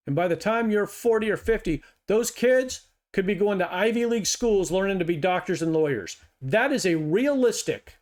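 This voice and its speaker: A middle-aged man hosts a reaction video with a notably high voice. He fires back at clips in a sarcastic, heated tone, mocking as he argues. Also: lively intonation, normal speed, hardly any pauses, darkish tone. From United States. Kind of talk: reaction commentary.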